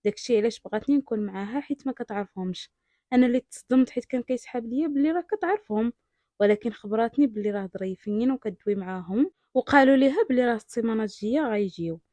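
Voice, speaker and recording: A young woman with a Moroccan Darija accent narrates a true first-person story at a brisk clip. Her voice sits a little high and mellow, and the recording is close and dry. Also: no echo. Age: young adult.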